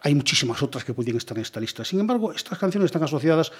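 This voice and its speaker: The guest in this casual radio interview is a middle-aged police commissioner from Galicia, Spain, with a slightly high, sing-song, breathy voice. He talks very fast and expansively, frequently tagging phrases with "eh?" and a string of yeses.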